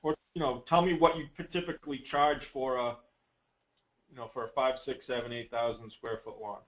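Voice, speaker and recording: A man walks through some software on a conference call, casual and unscripted, thinking aloud and rambling a little. He speaks at normal speed with medium pitch and fairly even intonation, captured in a low-quality recording.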